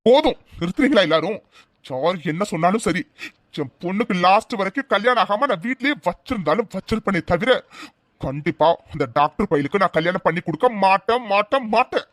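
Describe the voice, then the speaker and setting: A proud, stubborn father played by a man lays down his final word firmly. His voice runs fairly high for a man. The recording is close and dry. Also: expressive, a little fast, a bit bright, no room sound. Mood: stern. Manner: stern, unyielding. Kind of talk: cartoon voice acting.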